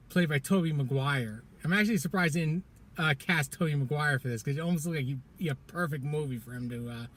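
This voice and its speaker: A man's voice: on the high side, a bit bright. A man giving a casual film review in a parking garage, chatting loosely, laughing often and stumbling over his words. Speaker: movie reviewer.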